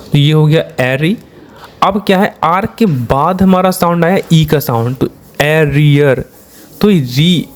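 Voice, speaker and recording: An Indian-accented shorthand teacher with a fairly high voice leads a patient, repetitive classroom lesson. Step by step, he asks his students questions and then answers them himself.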